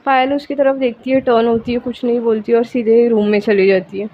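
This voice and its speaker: A woman's voice: a little high, flat delivery, fairly quick. A woman narrating a romance story in a casual, chatty way, linking events with "so then", on a dull, lo-fi recording with faint hiss.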